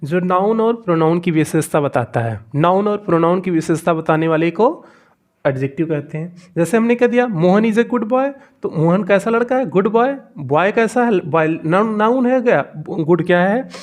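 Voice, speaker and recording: A man's voice: sits high, animated, moderate pace. A man teaching an online grammar lesson, asking the class questions, answering them himself and repeating the key words.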